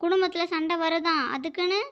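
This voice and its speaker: A stern old grandmother in a cartoon, holding her ground with firm, scolding lines, as a woman voices her. Her voice sits high and rings bright. The audio sounds muffled and lo-fi. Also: fairly even intonation, fairly quick. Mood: indignant. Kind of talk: animated cartoon dialogue. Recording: dull lo-fi audio.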